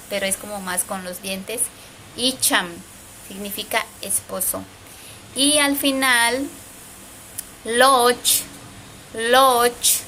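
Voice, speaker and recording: Slow bright Mexican woman teaching. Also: medium pitch, slight background noise, low-quality recording. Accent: Mexican Spanish. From Yucatán, Mexico. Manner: slow and careful, repeats and stresses Maya words. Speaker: Maya language teacher. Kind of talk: casual video lesson.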